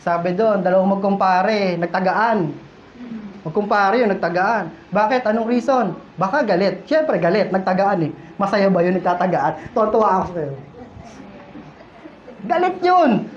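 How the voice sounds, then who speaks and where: A man's voice: high-pitched, lively intonation, moderate pace. A male pastor delivers a casual, joking sermon and keeps turning questions back to the congregation. His voice rings through an echoey church hall. The sound is a little dull, with faint room noise underneath. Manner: conversational, playful, questions the congregation.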